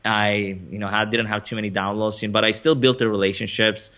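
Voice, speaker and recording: A man's voice: lowish voice, level tone, fairly quick, bright, forceful tone. A man in his thirties from Sweden, a guest on a video call interview, talking casually with lots of fillers and restarts. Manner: chatty, many fillers and restarts, laughs often.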